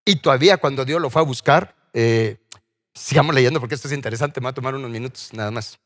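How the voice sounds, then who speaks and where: A man's voice: mid-range voice, fast, a bit bright. A man preaching a sermon as pastor, asking his congregation questions as he goes. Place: church sanctuary. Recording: church hall reverb.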